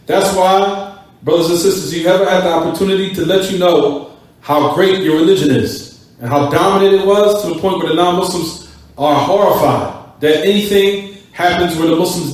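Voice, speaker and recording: A man's voice: on the high side, distant mic. A man teaching a class in a mosque, repeating key words and putting questions to his students. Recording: echoey room, voice from off the mic.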